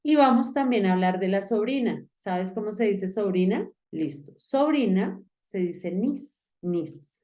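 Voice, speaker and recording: A woman's voice: mid-range voice, lively intonation, warm tone. A woman teaching an online English grammar lesson, patiently repeating each word. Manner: patient, repeats and spells out words slowly.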